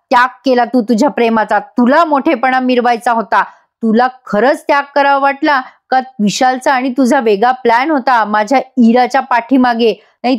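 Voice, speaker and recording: Give me a woman playing an angry, accusing mother who threatens a rival in dramatic serial dialogue, in a fairly high voice. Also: natural voice.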